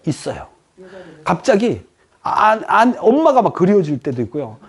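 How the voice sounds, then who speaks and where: A middle-aged man giving a professor's lecture to a class, animated, asking the room questions and acting out little quoted voices. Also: high-pitched, moderate pace, crowd noise.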